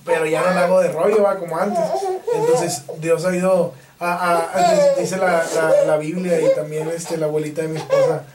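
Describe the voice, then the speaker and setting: Speaking over a noisy crowd, a man whose voice sits on the high side keeps a moderate pace with Mexican Spanish accented, slangy talk. It's a relaxed interview chat full of laughs, recorded from afar in an echoey room with background noise.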